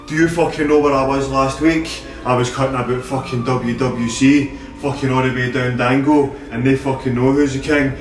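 A man's voice: medium pitch, echoey room, lightly acted. Man playing brash male wrestler, wrestling promo, swaggering sweary boasts, distant mic, some background noise. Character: brash male wrestler, cocky challenger promising to take the crown.

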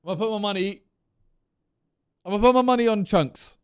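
Excitable young streamer. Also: male voice, high voice, brisk, background noise. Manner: chatty, laughs often, exclaims loudly. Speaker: streamer reacting to a video. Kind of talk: casual reaction commentary. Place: gaming room with neon lights. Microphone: studio mic on boom arm with headphones.

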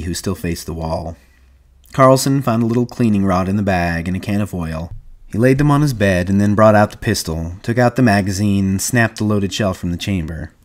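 A man narrating a novel aloud in a measured, even storytelling manner. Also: fairly low pitch. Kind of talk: audiobook reading.

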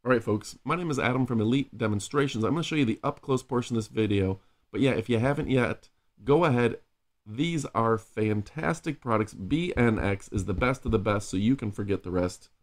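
A man's voice: mid-range voice, lively intonation, fairly quick. A man talking through a face mask, giving an enthusiastic, salesy casual product review.

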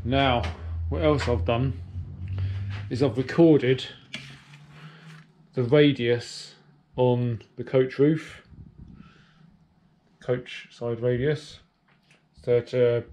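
A dark-toned, mid-range male voice with fairly even intonation, drawn-out words and long pauses. He's a sailing vlogger in his forties, casually talking to an action camera about his boat work, thinking aloud with fillers, first on the water beside a boat hull and then in a workshop. Faint outdoor noise sits in the background.

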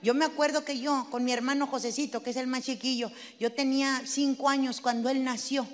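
A woman's voice: high voice, steady tone, brisk, in a large hall. A middle-aged woman with a Mexican accent doing brash, crude stand-up storytelling, acting out her mother and her kids. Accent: Mexican Spanish. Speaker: stand-up comedian in character.

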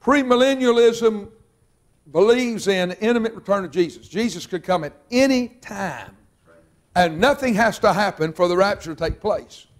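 A man preaching a revival sermon, fervent and drawn out, sometimes shouting. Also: sits high, expressive. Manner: fervent, shouting at peaks, drawn-out emphatic phrases. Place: church sanctuary.

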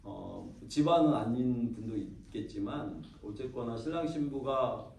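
A male pastor gives an informal, conversational sermon with many pauses and fillers. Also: mid-range voice, gravelly, a little mellow. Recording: roomy, mic at a distance, faint noise.

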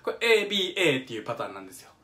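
His voice a little high, sing-song, pushed, and bright, a middle-aged man from Kansai rattles off rapid-fire explanations of music during a live stream in his home kitchen. He's an eager talker who hums examples and reads out what viewers comment, on a phone or webcam mic.

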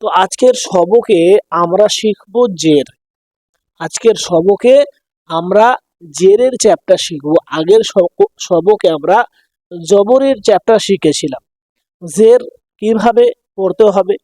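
A man teaching Quran reading in Bengali, drilling letter sounds slowly and patiently so listeners can repeat after him. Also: sits high, warm tone, no room sound. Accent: Bangladeshi Bengali. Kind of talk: slow drilled recitation lesson.

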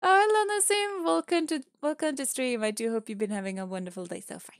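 This is a casual gaming stream: a young woman from Sweden, who works as a streamer and teacher, talks with her chat as she plays. Her voice sits high and moves at a quick pace, and her accent is lightly Swedish. The audio is studio quality with no echo, and she laughs a lot and often restarts what she's saying.

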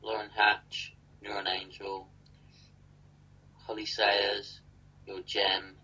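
A man's voice: on the low side, monotone, slow pace, sharp tone, breathy edge, highs cut off. A young man co-hosting a casual livestream from a small room, chatting and thanking viewers by name. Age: young adult. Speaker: livestream co-host. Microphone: webcam at desk.

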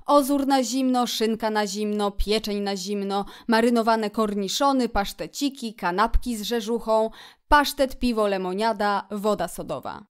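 Brief: woman reader as a dreamy, solemn river rat, expansive and unhurried. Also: fairly high pitch, a little mellow, natural voice. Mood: matter-of-fact. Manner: grand, unhurried, savoring words. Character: dreamy, genial male water rat. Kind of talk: audiobook character voice.

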